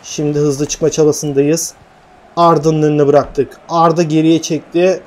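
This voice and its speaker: A young man giving excited play-by-play commentary on his own football video game match, swinging from calm narration to shouts at missed chances. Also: on the high side, unhurried. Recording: faint game music behind.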